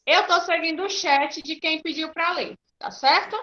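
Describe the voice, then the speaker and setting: A woman's voice: very high-pitched, moderate pace, sharp tone, dull audio. A woman teaching an online grammar class, explaining patiently step by step and checking often that students follow.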